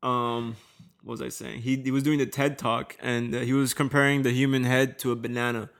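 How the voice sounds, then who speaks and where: A young man in casual chat, swearing freely and telling animated stories. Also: medium pitch, brisk, creaky.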